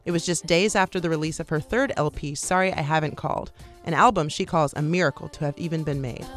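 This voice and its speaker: A woman's voice: deep voice, fast. A woman radio host reading scripted narration for a music feature.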